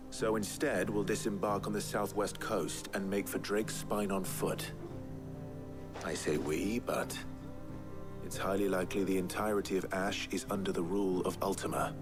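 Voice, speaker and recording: An actor playing a grave, commanding warrior leader in a fantasy video game. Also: male voice, deep voice, close to an everyday voice. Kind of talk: dramatic video game acting. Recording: game music playing behind the voice.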